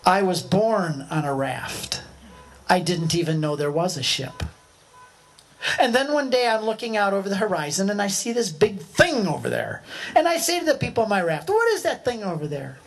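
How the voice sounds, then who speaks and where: Animated older man telling a story. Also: high voice, normal speed. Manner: animated, acts out voices. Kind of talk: storytelling talk.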